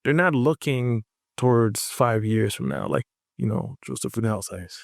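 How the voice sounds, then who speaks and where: On a roundtable panel, a physician from Haiti speaks emphatically and repeats his points to stress them. His voice is mid-range and creaky at a moderate pace, captured at studio quality with no room sound.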